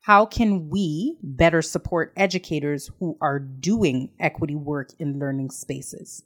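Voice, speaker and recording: A woman interviewer posing a formal, measured question to her guest. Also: deep voice.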